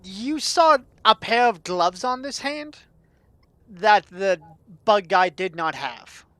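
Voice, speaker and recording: A woman runs the table as dungeon master, narrating in a loose, rambling way full of fillers and laughs. Her voice sits at a middle pitch. The sound is dry and close. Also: very animated, takes it slowly, fairly bright tone, no echo. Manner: laughing often, loose and chatty with many fillers.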